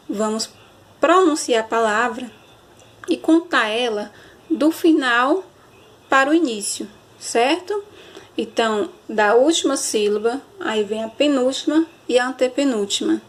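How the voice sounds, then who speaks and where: A woman teacher, giving a recorded grammar lesson and often checking understanding with a quick question. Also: a little high. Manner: explanatory, checks understanding with frequent "certo?"; stretches and stresses example words slowly.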